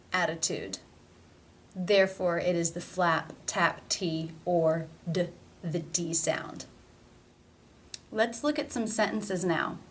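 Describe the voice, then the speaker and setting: A woman leads a pronunciation lesson at an unhurried, careful pace. She states each rule plainly, then says the example word twice, slowly and deliberately. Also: mid-range voice. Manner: slow and deliberate, repeating example words. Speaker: pronunciation teacher.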